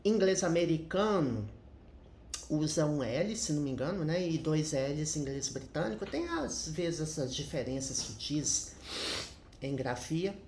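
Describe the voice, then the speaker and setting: Slow, chatty male English teacher. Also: a little high, big pitch swings, a little mellow, reverberant, a little hiss or hum. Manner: chatty, frequent tag questions. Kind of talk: casual grammar lesson.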